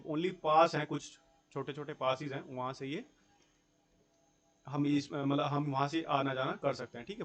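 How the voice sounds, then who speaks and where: A young man teaching a school geography class, explaining step by step in a mix of Hindi and English terms and checking in with his students. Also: mid-range voice. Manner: explains step by step, often checks in with "theek hai" and rhetorical questions.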